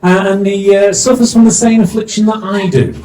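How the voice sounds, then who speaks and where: On an event stage before a live audience, a middle-aged Yorkshireman compères the show, chatty and jokey, throwing questions to the crowd. His voice is high-pitched, brisk and warm.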